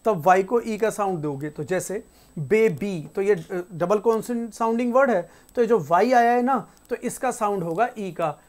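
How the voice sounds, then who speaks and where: Woman teacher explaining spelling rules slowly. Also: mid-range voice, a little mellow. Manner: repeats example words and reads rules out slowly; casual, conversational teaching with frequent checks like "theek hai". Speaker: English teacher. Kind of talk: classroom-style explanation.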